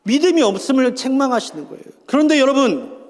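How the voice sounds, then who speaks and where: A man preaching a Sunday sermon in a fairly high voice, firing rhetorical questions at the congregation and calling them to repeat after him. His voice rings out with a long church-hall reverb. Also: sing-song, fast talker. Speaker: pastor.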